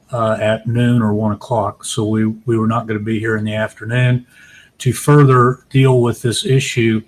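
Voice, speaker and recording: A man's voice: medium pitch, a little mellow, slight background noise, poor audio. A man speaking as a judge, addressing a jury in a courtroom in a plain-spoken, courteous, procedural way.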